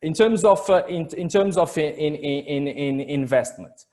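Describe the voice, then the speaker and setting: Speaking through a computer on a web call, an investment webinar presenter with a Portuguese accent delivers a business presentation. His voice is on the high side and warm, his pace measured, though he hesitates and frequently repeats words and phrases.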